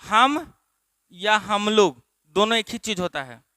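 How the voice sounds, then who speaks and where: A man's voice: high-pitched, expressive, slow, pushed and bright, smooth, dry recording. A man from Bihar with a Bihari Hindi accent, teaching a spoken English class and asking the students the same questions again and again. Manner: repetitive questioning, drills students. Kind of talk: classroom lesson.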